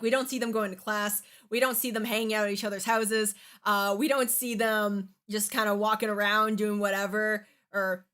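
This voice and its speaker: A woman's voice: medium pitch, fairly bright tone. Woman doing casual review commentary, keeps stopping and restarting, lots of filler words. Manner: halting, with false starts and many fillers. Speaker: anime reviewer.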